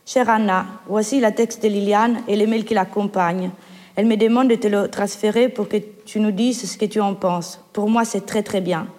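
A woman reading letters aloud in a measured, literary way, as part of a poetry performance. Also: medium pitch, steady tone, darkish tone. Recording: long hall reverb.

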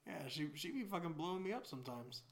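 A man's voice: fairly high pitch, big pitch swings, quick pace. A man co-hosting a podcast, teasing his friends with crude, slangy banter. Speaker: podcast co-host. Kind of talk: casual chat.

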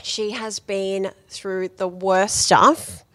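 A young woman telling a story in casual podcast chat, full of "like" and quick laughs. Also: mid-range voice, fairly even intonation, a bit bright, no echo. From Australia. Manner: chatty storyteller, many likes and laughs. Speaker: guest.

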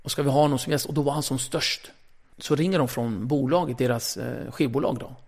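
A man with a gravelly, creaky voice chats casually as an interview guest. He talks bluntly and with energy, swears freely and plays out the back-and-forth of old conversations himself. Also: mid-range voice, a little mellow. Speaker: interview guest, former radio host.

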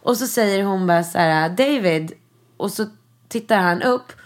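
A woman chatting casually, telling stories in an animated, gushing way with many fillers and acted-out quotes. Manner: acts out quoted voices in high English. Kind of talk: casual chat.

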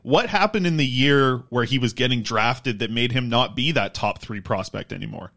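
A man with an average-pitched voice hosts a sports podcast. He interviews in a casual, chatty way. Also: moderate pace, creaky, pushed and bright.

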